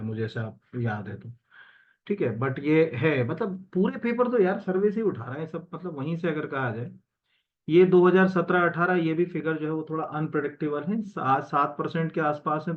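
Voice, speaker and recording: A medium-pitched man, recorded with dull audio, works as an exam coaching teacher explaining exam answers while screen-sharing. He talks casually and conversationally in Hindi mixed with English terms, with many fillers and self-corrections.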